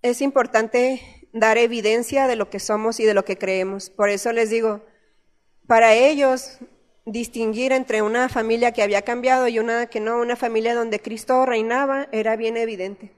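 Mexican woman, 30s, lay preacher, higher voice, earnest chatty sermon; church hall with long reverb. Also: fairly even intonation, normal speed. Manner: earnest, conversational preaching with personal stories. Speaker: church speaker.

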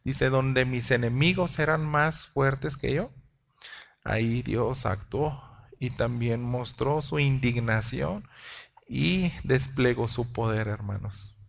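A man preaching a sermon, often addressing the congregation as brothers and pausing to restart his words. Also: mid-range voice, vocal fry. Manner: addresses listeners as brothers, with frequent hesitations and restarts.

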